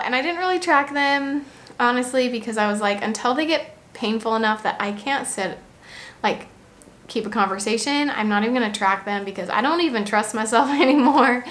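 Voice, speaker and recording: Talking to camera in her pregnancy vlog, a US woman in her twenties keeps things casual, laughing a lot and stopping now and then to breathe through contractions. She has a high-pitched, fairly bright voice.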